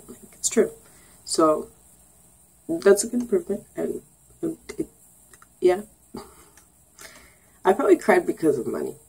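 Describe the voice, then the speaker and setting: A young Canadian woman casually vlogs to introduce herself, rambling and giggling with plenty of ums and sarcastic asides. Her voice is fairly low, gravelly, husky and warm, and the recording quality is poor.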